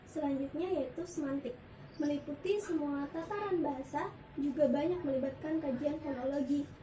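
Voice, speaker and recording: A woman's voice: high-pitched, normal speed, dark tone. A young woman student giving a recited class presentation, listing points in order one by one. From Indonesia. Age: young adult. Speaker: university student presenting coursework. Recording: echoey room, distant mic, faint hiss.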